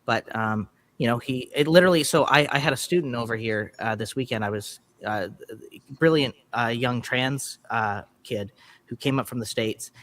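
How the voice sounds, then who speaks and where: A man's voice: medium pitch, normal speed, a bit bright. A man talking in a casual, rambling chat, full of fillers and restarts. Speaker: musician and host.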